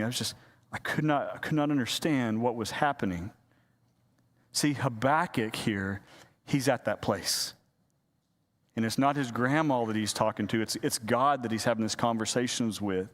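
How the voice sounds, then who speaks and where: A middle-aged man, a pastor, telling a childhood story in a folksy, animated sermon with many restarts. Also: mid-range voice.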